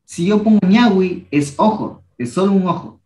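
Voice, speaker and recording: A young man teaching a language workshop, patiently repeating each word slowly so students can copy its pronunciation. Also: high voice, expressive, warm tone, echoey room. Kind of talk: teaching a class.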